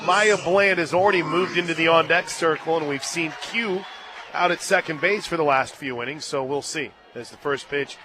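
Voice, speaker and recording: An American man delivers live play-by-play sports commentary for radio from a stadium booth, speaking at normal speed with a fairly high pitch. The ballpark crowd and some faint music can be heard behind him.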